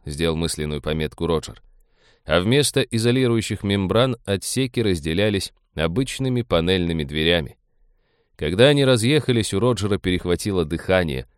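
Deep dude reading a sci-fi audiobook, steady, dead dry sound. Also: male voice, dry recording. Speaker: audiobook narrator. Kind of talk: scripted narration.

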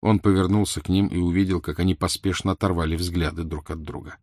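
A man narrating a novel aloud in a measured, even reading. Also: deep voice, dry recording, studio quality. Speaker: audiobook narrator. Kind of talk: scripted narration.

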